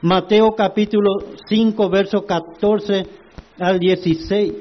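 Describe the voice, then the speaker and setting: A man preaching a sermon, slow and emphatic, asking the congregation rhetorical questions. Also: high-pitched, fairly even intonation, lo-fi sound.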